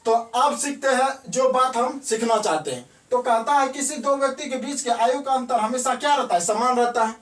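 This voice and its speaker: This math lesson comes from a man whose voice is very high, moving at a normal speed with few pauses. Again and again he asks a question, answers it himself, and repeats the key words, his voice echoing in the classroom from a distant mic.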